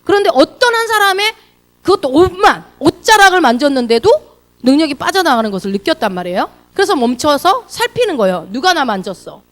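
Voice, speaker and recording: Woman pastor, sermon, lively swooping pitch, rather high voice, rhetorical questions. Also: fairly quick. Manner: animated, acts out quoted voices and asks the congregation questions.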